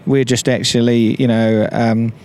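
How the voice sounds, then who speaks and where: New Zealand firefighter, mid-pitch male voice, talks in halting bursts with frequent fillers. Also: little pitch movement, a little mellow, clean tone. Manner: halting, many ums and restarts, good-humoured. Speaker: visiting wildfire task force leader. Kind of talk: interview answers.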